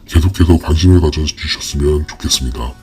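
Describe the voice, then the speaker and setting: Anonymous voice disguised by deep pitch shift. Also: darkish tone, faint music behind. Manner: measured, formal, with frequent hesitant fillers. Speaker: anonymous fraud victim interviewee. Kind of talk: reading a prepared account in an interview.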